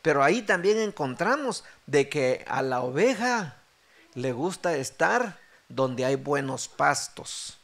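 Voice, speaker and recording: A middle-aged man preaching a sermon as pastor, acting out the dialogue with animated delivery. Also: on the high side, takes it slowly, creaky.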